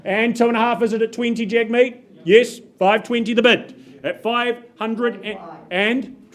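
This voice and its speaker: A New man working as an auctioneer, calling bids in brisk, upbeat patter, his voice a little muffled by a face mask. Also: very high voice, fairly even intonation. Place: auction room.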